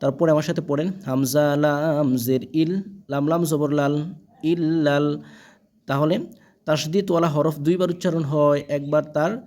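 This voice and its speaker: A man teaching Quran reading, spelling out letters and vowel marks one by one. He stretches the recited words slowly and keeps checking that the learner follows. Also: fairly high pitch, fairly even intonation, a little mellow. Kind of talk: spelling-out Quran lesson, call and repeat.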